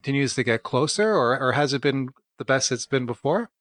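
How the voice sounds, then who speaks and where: Eager guy asking interview questions, medium pitch, dry close mic. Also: animated, fairly quick, fairly bright tone, no room sound. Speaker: podcast interviewer.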